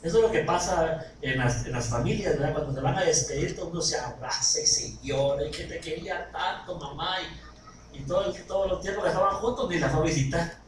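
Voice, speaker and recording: A man preaching a sermon, animated and often asking his congregation questions. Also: a little high, a little fast. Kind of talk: sermon with anecdotes and jokes. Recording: echoey hall recorded from far off, noisy.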